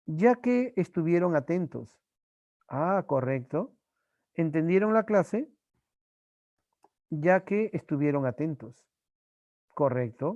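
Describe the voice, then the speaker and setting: A male teacher from Peru giving an online language class, slowly repeating examples and his students' answers. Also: sits high, dark tone, no room sound, highs cut off.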